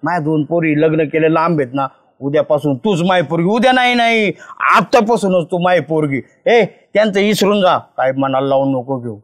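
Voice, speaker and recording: A man's voice: fairly high pitch, moderate pace. An older man with a rural Maharashtrian Marathi accent, playing a village elder who consoles a crying young woman in a fatherly way. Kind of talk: village family drama acting.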